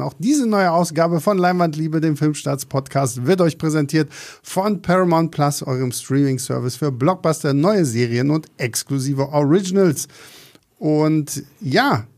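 A middle-aged man with a slightly high-pitched voice. He hosts a film podcast in a casual, conversational style. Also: moderate pace, a little mellow.

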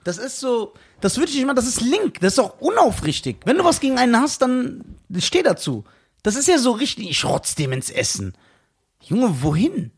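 Husky guy on a chat podcast, fired up and opinionated, voice swings up and down a lot. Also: high voice. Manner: emphatic, opinionated, animated speaker. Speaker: podcast co-host. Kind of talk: casual chat.

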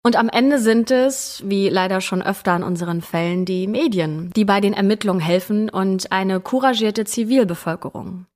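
A woman's voice: mid-range voice, moderate pace, few pauses, darkish tone. A woman co-hosting a true crime podcast, telling the story dramatically and giving careful content warnings. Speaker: podcast co-host.

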